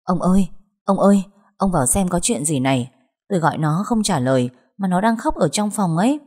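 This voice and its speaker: A woman's voice: deep voice, normal speed, a little mellow. A woman doing a frantic worried mother. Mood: anxious. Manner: anxious, pleading. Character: worried middle-aged mother.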